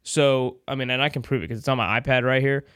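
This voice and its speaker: Man, mid-pitched, sports podcast host, earnest and emphatic, casual chat, dry recording. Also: fairly even intonation, quick pace, fairly bright tone, smooth, no room sound.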